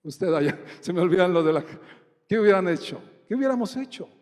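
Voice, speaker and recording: A man's voice: high voice, animated, brisk, darkish tone. A man with a Colombian accent preaching a sermon as pastor, often putting questions to the congregation. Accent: Colombian Spanish. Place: church hall. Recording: long hall reverb.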